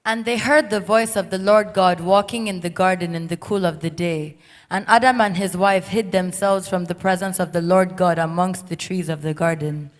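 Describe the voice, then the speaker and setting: A woman reading scripture aloud in a steady, unadorned way during a sermon. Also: lowish voice, normal speed, big-room sound. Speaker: scripture reader in the congregation.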